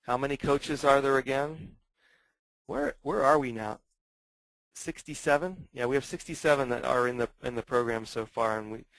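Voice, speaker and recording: Running a coaching pilot, this webinar host fields questions in a creaky, fairly bright, mid-range voice, stumbling with ums and restarts. He's in his fifties, of German family but US-raised; the rough recording has no echo.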